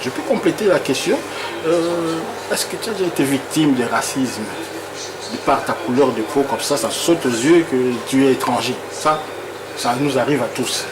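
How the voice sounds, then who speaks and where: A man's voice: medium pitch, moderate pace. A man from Congo interviewing a footballer and reading out viewers' questions, often repeating words as he searches for his phrasing. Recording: noisy room with air conditioning.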